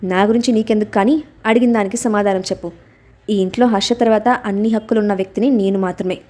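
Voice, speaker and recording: Woman doing a pushy show-off young guy, whiny and bossy, mellow tone, audio story. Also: mid-range voice, fairly even intonation, quick pace, close to an everyday voice. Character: pushy boastful young celebrity man.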